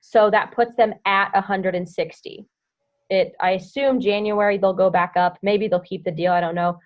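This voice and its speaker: A woman's voice: medium pitch, steady tone, normal speed. A chatty young woman leading her team through a casual update. She strings her thoughts together with constant "like" and "um" and hums small filler tunes while she thinks. The sound is dull and lo-fi. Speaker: team coach leading a group call. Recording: dull lo-fi audio.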